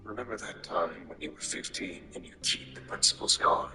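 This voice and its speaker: A man voicing a huge, vain, condescending dark god in a dramatized story, with a sarcastic, whiny internet-troll delivery. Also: low voice, expressive, moderate pace, soft background music, heavily acted, low-quality recording. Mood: indignant, condescending.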